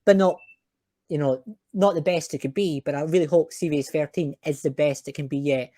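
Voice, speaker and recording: A man's voice: fairly high pitch, steady tone, fairly quick, warm tone, no room sound, clean studio sound. A man hosting a podcast, chatting in an opinionated, chatty way with some fillers. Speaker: podcast host. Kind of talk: casual chat.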